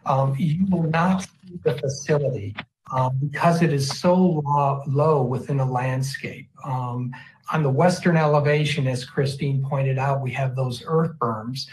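A man speaks in support of a project at a public hearing. His voice is ordinary and mid-pitched. He pads his points with fillers and speeds up through the details. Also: steady tone, a little slow, a little mellow, a little hiss or hum, poor audio. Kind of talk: public testimony.

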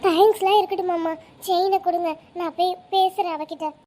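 A scheming young wife, voiced by a woman in a cartoon. She sounds sweet and earnest but sly, in a very high, girlish voice. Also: steady tone, a little fast, mellow. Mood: pleading. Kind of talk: cartoon voice acting.

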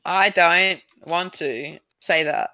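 A teenage boy co-hosting on a friend's gaming livestream chats casually, giggly and playful, pretending to be offended. His fairly high, bright voice is forceful, slow and fairly even, on a rough recording with no room sound.

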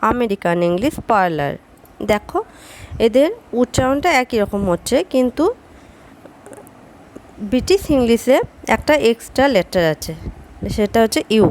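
A woman's voice: a little high, a little hiss or hum, poor audio. A woman giving a spoken English lesson, patiently drilling word after word. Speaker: English teacher.

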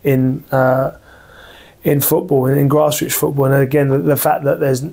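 A man's voice: mid-range voice, level tone, moderate pace, vocal fry, mellow. A man in his thirties, a football manager giving a post-match interview, talking earnestly with many restarts and fillers in a small office.

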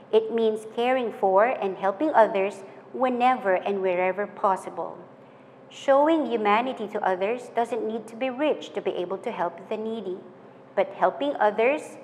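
A young woman giving a formal graduation speech in a measured, earnest way, working through lists item by item. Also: mid-range voice, darkish tone. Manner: measured, earnest, list-like delivery. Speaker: commencement speaker. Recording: hall reverb with faint noise.

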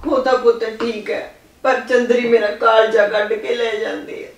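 A tearful older village mother , played by a woman, grieving and alone. She speaks in an even, droning tone. Her voice comes from a distance in a reverberant room. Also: a little high, moderate pace, close to an everyday voice. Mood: sorrowful. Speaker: widowed mother. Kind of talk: village drama acting. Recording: echoey room, voice off-mic.

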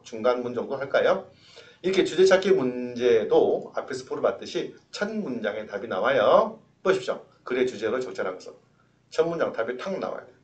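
Chatty Korean-speaking male tutor, lively pitch. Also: distant mic. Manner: chatty, jokey teacher, asks and answers his own questions. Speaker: English exam tutor. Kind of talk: recorded exam-prep lecture.

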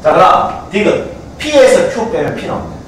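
Male Gyeongsang math teacher, high lively voice, quizzing students, taped from far back in an echoing classroom. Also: unhurried, slight background noise. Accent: Gyeongsang Korean. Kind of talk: classroom lecture. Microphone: far camcorder. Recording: echoey classroom from a far camcorder.

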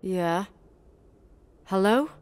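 A woman's voice: mid-range voice, animated, extremely slow, background noise. An actress playing a blunt, defensive young woman who swears and answers curtly, in video game dialogue. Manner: curt and swearing.

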